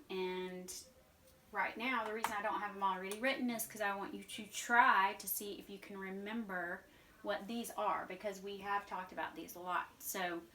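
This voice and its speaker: A woman's voice: mid-range voice, bright, forceful tone, a little hiss or hum. A woman teaching a beginner Mandarin lesson from home, patient and repetitive as she drills words aloud. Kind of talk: informal online language lesson. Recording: echoey room, voice a bit far from mic.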